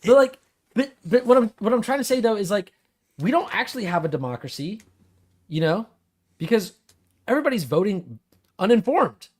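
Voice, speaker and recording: A man on a podcast, arguing loudly and passionately, his voice clipping and distorting the mic. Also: sits high, fairly quick, long pauses, slightly rough. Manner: animated, gets loud and passionate when arguing. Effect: clipping, distorted mic from yelling too close. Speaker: podcast co-host. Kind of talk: casual podcast chat.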